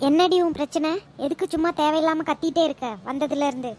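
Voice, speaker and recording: A woman's voice: high voice, fairly even intonation, fast talker, a little mellow, slight background noise, lightly acted. A woman voicing a bitter widowed mother in a cartoon, scolding and scornful. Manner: scolding, contemptuous.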